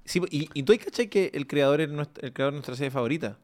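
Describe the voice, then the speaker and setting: A man's voice: on the high side, animated, quick pace. A man with a Chilean accent co-hosting a podcast in casual chat, blunt, opinionated and full of slang. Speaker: podcast co-host.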